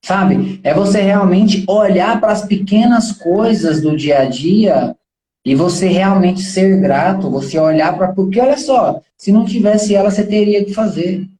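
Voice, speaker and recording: A man in his thirties with a Brazilian accent gives an informal motivational talk, earnest, preachy and colloquial, often asking rhetorical questions. His voice sits high with a dark tone and a slightly slow pace, and the recording is rough and roomy.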